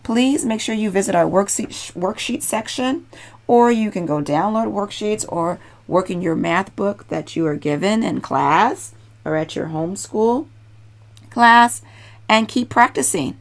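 Slow, patient woman teaching kids math. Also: mid-range voice, animated. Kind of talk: children's math lesson.

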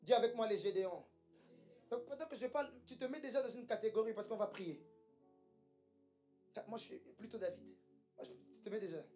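A woman's voice: on the high side, animated, fairly quick, long pauses, dark tone, soft background music. A woman preaching a sermon with emphasis, repeating lines and calling the congregation to say them back. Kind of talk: church sermon.

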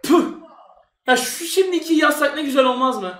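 Very high-voiced excitable man, echoey room. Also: fast talker. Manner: excitable, shouts at goals and chances. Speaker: host reacting to a football match. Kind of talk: live match reaction chat.

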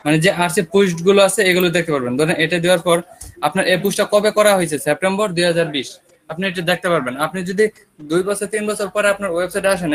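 A man's voice: sits high, fairly bright tone, rough recording. A man with a Bangladeshi Bengali accent teaching an online web design class, talking casually and checking in with his students, his throat a bit sore. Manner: casual, talks students through screen steps with checking questions.

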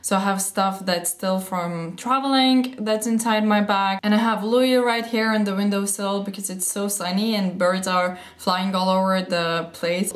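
With a medium-pitched voice gone slightly throaty from a cold, a woman in her twenties chats about the things in her handbag. She's a beauty and fashion vlogger doing a casual what's-in-my-bag segment, gushing and a little breathless. She sits close to the camera in a sunny room at home, and the recording is reverberant.

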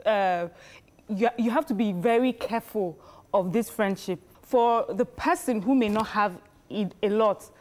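A woman speaks as a guest on a TV studio panel. She talks in a measured way and often adds short agreements while the others speak. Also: mid-range voice, darkish tone. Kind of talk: casual panel discussion. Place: TV studio set.

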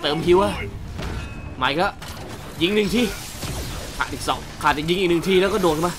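A man giving excited gameplay commentary, calling out his moves as he plays. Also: high-pitched, normal speed, over music. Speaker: gamer.

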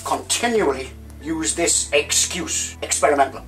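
A man's voice: on the high side, animated, a little slow, a bit bright. A middle-aged man cooking in a home kitchen with his daughter, chatty and joking as he explains each step. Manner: jokey, chatty, explaining as he cooks. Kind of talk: casual kitchen chat. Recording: background music under voice.

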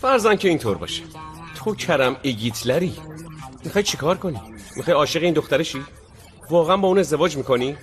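A man's voice: on the high side, lively intonation, faint music behind, close to an everyday voice. A man dubbing a rich young man in a drama, brooding and self-reproaching. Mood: scolding.

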